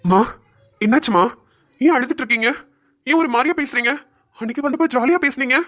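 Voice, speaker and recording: Lady voicing a caring bold young guy, bright forceful voice, cartoon. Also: sits high, a little fast, pitched below the performer's own voice. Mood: concerned. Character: brash young man, protective and bold. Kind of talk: cartoon voice acting.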